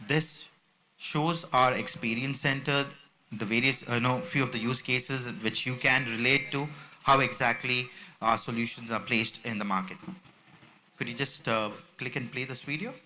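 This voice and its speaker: A man's voice: medium pitch, normal speed, pushed and bright, rough recording. A man giving a podium speech as a company representative, presenting products with slides in a salesman-like, explaining manner. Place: symposium venue, speaking at a podium. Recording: background noise from a live event room.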